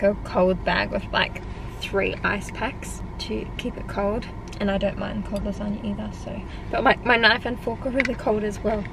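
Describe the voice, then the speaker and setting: A young Australian personal trainer in her twenties, with a creaky mid-range voice, chats casually to a camera on the dashboard of her parked car. She rambles and seems amused at herself, with noise in the background.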